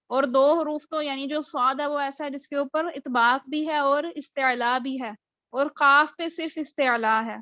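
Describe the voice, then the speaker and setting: A woman teaching Qur'an recitation in a live online class, patiently drilling each letter and spelling words out slowly, syllable by syllable. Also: sits high, sharp tone, no echo. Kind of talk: live online tajweed lesson. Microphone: video call. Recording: dull lo-fi video call audio.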